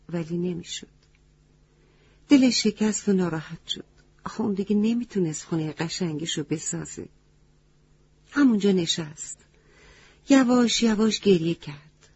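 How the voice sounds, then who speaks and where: A woman telling a children's story in a mellow, breathy voice. She talks gently and often turns to ask her young listeners questions. The recording is dull and lo-fi. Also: on the low side.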